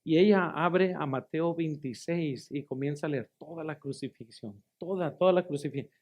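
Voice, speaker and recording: A male pastor preaches a testimony sermon, with a voice pitched a little above the usual man's. He tells his story with emphasis, calls his listeners brothers, and doubles back on phrases to stress them. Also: normal speed, a little mellow. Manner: repeats and restarts phrases for emphasis.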